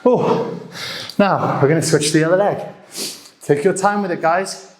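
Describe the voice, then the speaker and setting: A man's voice: sits high, normal speed, slight background noise. A man coaching a live workout, giving short encouraging commands and countdowns, a little out of breath. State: getting out of breath. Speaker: fitness coach. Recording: roomy echo.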